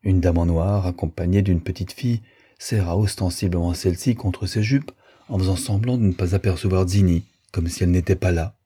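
A man narrating a novel as an audiobook, in a steady, measured storytelling manner. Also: low-pitched, breathy edge.

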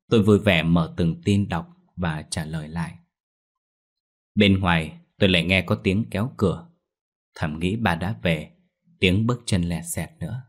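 A man narrates a ghost story. His telling is hushed and suspenseful, steady in its pacing. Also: low voice.

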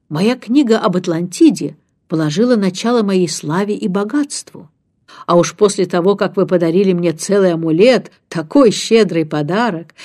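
A gentle scholar speaks in a low, warm voice, soft and earnest. A woman reads him in a storybook reading, barely changing her own voice. The delivery stays hushed and sincere. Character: gentle male scholar, dreamy and grateful.

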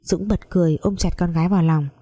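A woman narrating a melodramatic family story, reading every character in a mostly even voice. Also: lowish voice, quick pace, husky.

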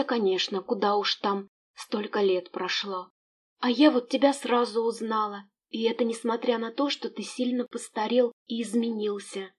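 A woman reading the part of a caring young gentlewoman who fusses and scolds her coachman. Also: on the high side, breathy edge. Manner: emotional, bossy toward servant.

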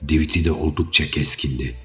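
A man's voice: very deep voice, steady tone, a little fast, long reverb tail. A man voicing a wounded, battle-hardened barbarian king who speaks in terse growls. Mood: commanding. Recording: dull audio with faint music.

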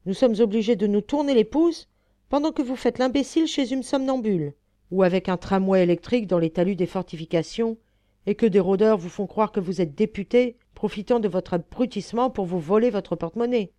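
A woman reading an audiobook voices a young man, the story's author, who scolds loudly and with contempt. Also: fairly low pitch, very animated, measured pace, no echo. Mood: scornful scolding.

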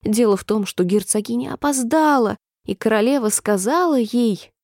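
Fretful storybook rabbit, hushed scared voice, soft and mellow, as a woman reads it. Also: fairly high pitch, expressive, moderate pace, no echo, studio quality. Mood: anxious. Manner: whispering, fearful.

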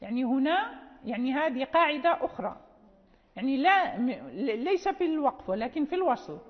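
Woman teacher going over recitation rules, repeats herself, keeps asking "ha?", high voice, lo-fi, hall echo. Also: lively intonation. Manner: explains slowly, repeats phrases, checking tags like "ha?". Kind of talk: lecture explaining recitation rules. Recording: dull lo-fi sound in a reverberant hall.

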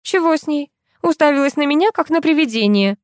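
This is a chatty, carefree young woman, put on by a female audiobook reader, her voice lifted higher and brighter than the narration around it. She talks with easy, gossipy cheer. The recording is dry and close, with no room sound. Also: expressive, a little fast, no room sound. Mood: breezy.

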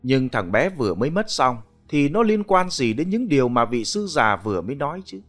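A man narrating a ghost story in an expressive, scripted storytelling manner. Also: mid-range voice, brisk. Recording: faint background music.

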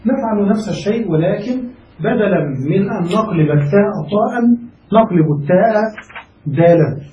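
A man teaching an Arabic grammar lesson, explaining slowly and step by step, and often asking the listener questions. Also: sits high. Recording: roomy, distant, dull with faint noise.

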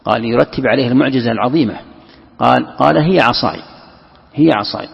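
Guy teaching tafsir, rough husky voice, lo-fi dull recording in a big echoey hall. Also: mid-range voice, quick pace. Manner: explains by posing questions and answering them, repeats phrases. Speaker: religious teacher. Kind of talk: lecture on scripture commentary.

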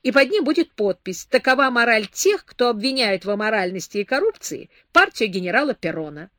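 Woman playing a harsh sarcastic guy scolding hard, loud, dry audiobook. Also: on the high side, big pitch swings, a little fast, no echo, voice pushed up. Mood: stern. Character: stern scornful man scolding a drunk girl.

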